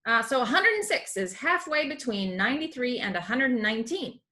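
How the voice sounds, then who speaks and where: A teacher reads a math comic aloud in a slightly high, sing-song voice that is fairly quick, pushed and bright. She explains as she goes, acts out the dialogue and breaks off for informal asides.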